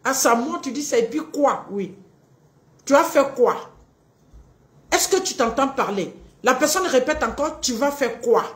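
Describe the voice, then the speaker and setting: Woman, relationship coach, live-stream talk, acts out both sides, lively swooping pitch, roomy echo. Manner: animated, acts out both partners in quick little dialogues.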